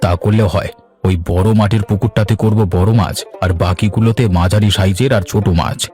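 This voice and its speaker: A man with a fairly low, warm, near-everyday voice speaks fairly quickly with fairly even intonation, playing a practical village farmer, one of several brothers, in cartoon dialogue. He sounds busy and willing, with instrumental music under his voice.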